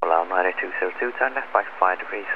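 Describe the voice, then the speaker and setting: A man's voice: low voice, rapid-fire, vocal fry. A man working as an air traffic controller, calling headings and flight levels in clipped, procedural radio phraseology. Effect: aviation radio. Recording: narrowband, noisy aviation radio transmission.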